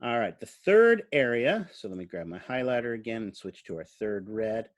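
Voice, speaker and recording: A male biology lecturer teaches a class in a relaxed, conversational manner, at middling pitch and normal speed with a sing-song lilt. He says "uh" frequently and turns to the students with questions, like an ordinary classroom talk.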